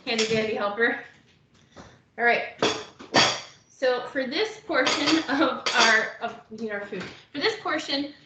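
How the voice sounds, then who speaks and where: A woman's voice: on the high side, noisy background. A woman hosting a live online etiquette class, chatty and upbeat, with fillers and laughs along the way. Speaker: etiquette workshop host. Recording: roomy, distant, muffled video call audio.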